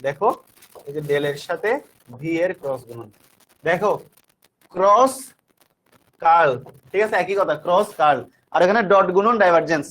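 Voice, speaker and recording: A man teaching an online physics class, repeating each definition and checking whether students follow. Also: fairly high pitch. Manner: talks to students directly and warmly checks understanding.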